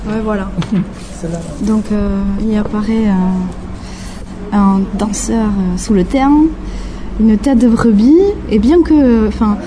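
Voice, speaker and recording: Against a noisy background, a medium-pitched young woman, a graphic designer from the French Basque Country, responds to an interviewer. She speaks casually but haltingly, often pausing to find words.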